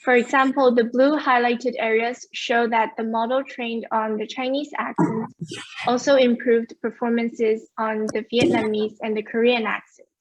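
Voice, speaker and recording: A woman giving an academic conference presentation over a video call, explaining results clearly. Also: a little high, dry recording, lo-fi sound. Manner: clear, explanatory, asks for next slide.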